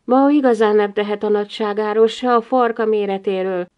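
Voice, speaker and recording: A woman narrating a humorous novel in the first person, with a wry, lively delivery. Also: mid-range voice, clean tone, muffled recording. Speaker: audiobook narrator.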